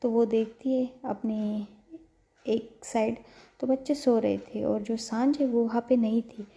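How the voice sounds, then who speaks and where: A woman's voice: fairly high pitch, steady tone, a little slow, creaky, mellow. A woman narrating a love story in a casual, chatty way, with frequent fillers and self-corrections.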